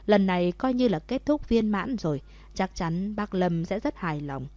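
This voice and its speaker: A woman's voice: medium pitch, moderate pace, mellow, no room sound, lightly acted. A woman reading the lines of a cheerful, contented wife in a storybook.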